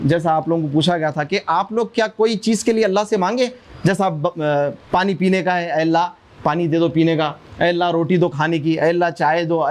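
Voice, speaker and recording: A man giving an animated religious talk to schoolchildren, asking them questions and acting out their prayers. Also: high-pitched. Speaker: speaker at a school. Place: school classroom.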